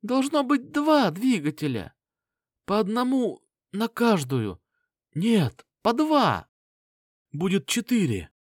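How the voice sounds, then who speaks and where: Wounded young male inventor, read by a man, weak, strained, rambling, high pitched, dry close sound. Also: big pitch swings, slow, no echo, heavily acted. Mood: feverish.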